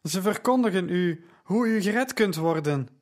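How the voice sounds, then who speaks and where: A man voicing a possessed young slave girl who shouts in a heavy, loud voice in a storybook reading. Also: high voice, expressive, a little slow, pitched above the performer's own voice. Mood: shouting. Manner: shouting, proclaiming.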